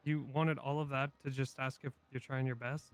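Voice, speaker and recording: A man playing a judge in an improvised courtroom role-play, with a smooth, clear voice and an informal, halting, measured way of talking. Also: medium pitch, flat delivery, faint music behind. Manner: hesitant, informal, measured, stammering.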